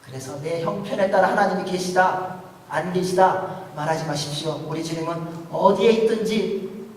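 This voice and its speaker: A man with a high, ringing voice preaches a Sunday sermon, moving between loud, emphatic appeals and quiet pleading. He keeps asking rhetorical questions. The voice reaches the mic from across a big, echoing church hall with a long reverb tail and faint noise underneath. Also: moderate pace. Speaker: pastor. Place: large church sanctuary. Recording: echoey hall, voice from far off.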